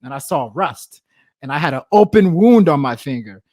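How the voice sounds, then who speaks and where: A man's voice: fairly high pitch, animated, moderate pace, a little mellow, dry recording. A man co-hosting a casual comedic podcast, joking in slang and often repeating his phrases. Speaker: podcast co-host.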